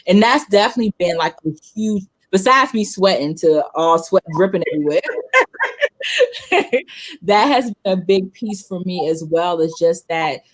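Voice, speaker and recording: A woman's voice: on the low side, lively intonation, moderate pace. A woman hosting a casual interview over a video call, chatty and giggly, often laughing between her words. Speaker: host.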